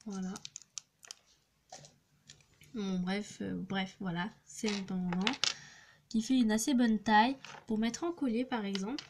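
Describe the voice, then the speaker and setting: A woman's voice: mid-range voice, fairly even intonation, unhurried, pauses often, darkish tone, slight background noise. A young teenage girl casually presenting her clay crafts, hesitant with many fillers and restarts, recorded on a phone. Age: young teen. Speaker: craft vlogger. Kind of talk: casual show-and-tell narration.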